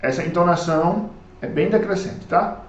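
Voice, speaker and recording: A man with a Brazilian Portuguese accent teaching an English lesson, explaining words in a lively, chatty way and checking in with his students often. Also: high voice, moderate pace, echoey room, highs cut off. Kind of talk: recorded online lesson.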